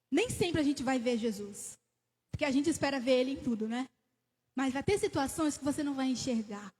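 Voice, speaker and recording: A woman with a Brazilian Portuguese accent preaching a sermon in a church, telling the story with animated rises and questions to the congregation. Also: high-pitched. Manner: laughs between phrases. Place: church sanctuary. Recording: church hall with long reverb.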